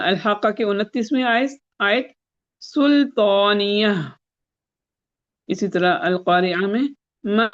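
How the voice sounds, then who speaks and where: A woman teaching Quran recitation rules in an online lesson, explaining slowly and chanting the Arabic verses. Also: mid-range voice, fairly bright tone, highs cut off.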